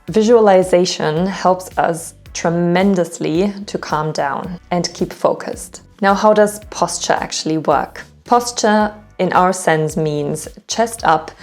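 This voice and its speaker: A woman giving an instructional talk to camera as a public speaking coach, with clear, direct, deliberate delivery and emphatic phrasing. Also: on the low side, a little mellow.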